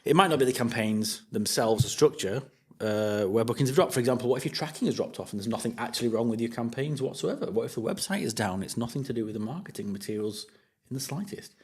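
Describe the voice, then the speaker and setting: A man's voice: mid-range voice, lively intonation, fast, a little mellow, breathy edge. A man competing in a workplace quiz, joking and boasting as he rambles through his answers. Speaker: quiz contestant. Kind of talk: playful competitive banter. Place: office studio.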